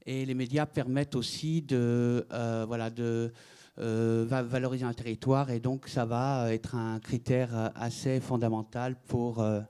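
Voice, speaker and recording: Slow, halting man with a smooth voice. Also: medium pitch, flat delivery, mellow. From France. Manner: hesitant, many fillers and restarts. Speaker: artist giving a talk. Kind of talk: conference presentation.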